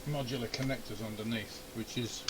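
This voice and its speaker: Speaking briskly in a lowish voice with a steady tone, a man casually narrates a hands-on repair, grumbling and muttering to himself as he works. The amateur radio hobbyist and video host is indoors in his home radio shack, with background noise audible.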